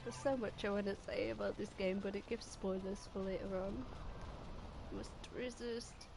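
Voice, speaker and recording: A woman's voice: mid-range voice, steady tone, brisk, gravelly, music in the background. A woman giving casual, playful gameplay commentary as a streamer, with silly little sound words and chirpy asides. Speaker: game streamer.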